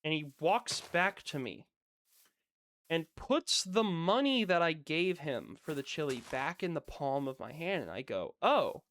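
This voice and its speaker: A man streaming a video game and chatting casually, telling a rambling story where he gets worked up and then talks himself calm. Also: fairly high pitch, measured pace. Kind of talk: casual chat while playing a video game.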